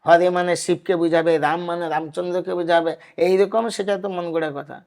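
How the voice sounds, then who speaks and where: A man in a devotional discussion, explaining in an earnest, measured way. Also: sits high, steady tone, a little mellow.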